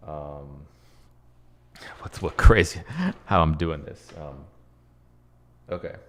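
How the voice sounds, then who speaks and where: A man's voice: extremely low pitch, steady tone, drawn-out words, fairly bright tone, slight background noise. A man composing at his computer, talking through his process casually and muttering and humming phrases as he writes. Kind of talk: casual screen-share tutorial, thinking aloud.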